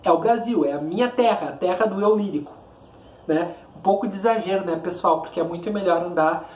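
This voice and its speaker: A man with a Brazilian Portuguese accent, a literature teacher giving a classroom lecture, explaining in short phrases, asking rhetorical questions and reciting verses slowly. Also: a little high, a little mellow, reverberant. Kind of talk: classroom lecture with poetry reading.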